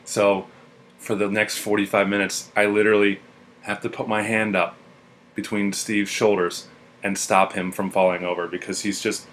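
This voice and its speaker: A young man casually telling funny stories about a friend to the camera, relaxed and amused, with plenty of ums and uhs. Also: fairly low pitch, moderate pace, a little hiss or hum. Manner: laid-back, amused, with filler ums and uhs. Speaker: friend giving a video tribute.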